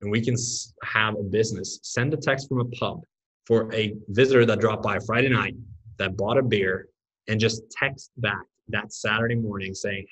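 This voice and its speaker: A man's voice: on the low side, fairly bright tone, rough recording. A man from Norway, a startup founder, talking earnestly and enthusiastically in a podcast interview.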